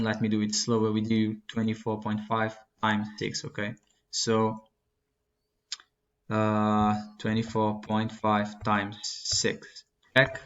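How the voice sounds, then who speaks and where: A young man explains a flight-prep chart in a lesson, his voice flat and unvarying. He halts often, filling gaps and correcting himself as he goes. The recording is dull and lo-fi, captured on a desk mic at a computer. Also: on the low side. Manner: halting, many fillers and self-corrections. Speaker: flight instructor. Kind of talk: screen-recorded lesson walkthrough. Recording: dull lo-fi sound.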